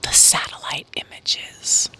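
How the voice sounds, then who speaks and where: A woman narrating horror stories in a breathy ASMR whisper, reading deliberately with pauses. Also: pushed and bright, rough recording.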